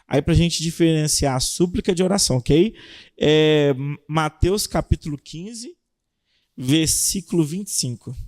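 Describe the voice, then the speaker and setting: A young Brazilian man preaching to a youth group. His voice sits a little high and swings widely as he acts out cries and pleading prayers, then drops back to teaching. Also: lively intonation, measured pace, darkish tone. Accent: Brazilian Portuguese. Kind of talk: sermon.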